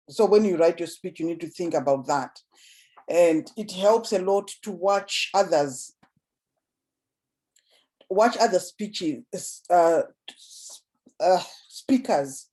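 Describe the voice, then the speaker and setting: A woman giving casual spoken advice on public speaking, often restarting words and dropping her voice low before lifting it again. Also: mellow. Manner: repeats and restarts words, drops voice low then lifts it to demonstrate.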